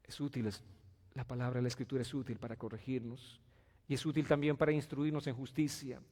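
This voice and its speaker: A man pastor preaching a sermon, swinging from hushed pleading to loud exclamations and asking his congregation questions. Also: medium pitch, fairly even intonation, a little fast, big-room sound. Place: church sanctuary.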